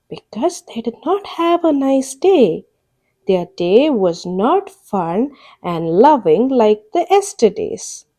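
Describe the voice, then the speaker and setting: A woman with a medium-pitched, mellow voice tells kids an animated story in a playful way, making vehicle sound effects and repeatedly asking the listener questions.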